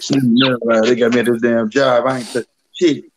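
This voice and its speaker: A man joining a casual livestream chat, relaxed and arguing his point. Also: mid-range voice, moderate pace, background noise. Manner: relaxed, argumentative. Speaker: guest calling in.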